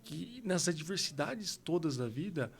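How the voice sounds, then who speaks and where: A man with a Brazilian Portuguese accent hosting a podcast conversation, telling stories in an animated way and acting out quotes. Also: on the high side, unhurried, gravelly. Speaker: podcast host.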